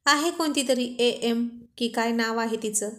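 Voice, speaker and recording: A woman's voice: on the high side, unhurried, lightly acted. A woman voicing a proud young married woman who brags haughtily, in a storybook reading. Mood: boastful. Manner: haughty, bragging.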